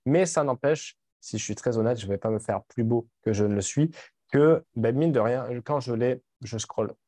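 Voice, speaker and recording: Frank, rambling man with a dark voice. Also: mid-range voice, moderate pace, no room sound. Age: 30s. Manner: frank, rambling, swears casually, many restarts. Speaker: vlogger. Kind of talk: casual monologue to camera. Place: home in Dubai.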